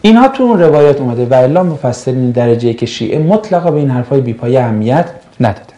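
Sarcastic, warm-voiced man from Mashhad. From Mashhad, Iran. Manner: animated and sarcastic, pitch jumping up and down. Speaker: religious teacher answering viewer questions. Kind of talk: live question-and-answer chat.

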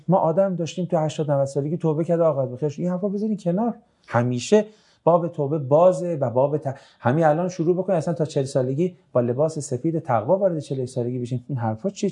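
Brisk male religious teacher, mellow tone. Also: fairly high pitch. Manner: brisk, conversational, with dry joking asides. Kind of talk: reading out and answering audience questions.

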